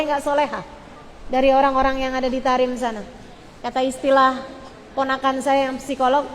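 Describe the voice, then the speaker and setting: Woman preacher, high voice, earnest, repetitive, long hall reverb, faint ambient noise. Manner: earnest, repeats key phrases for emphasis; drops low and soft when voicing model prayers, rises loud when warning. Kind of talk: religious lecture to women.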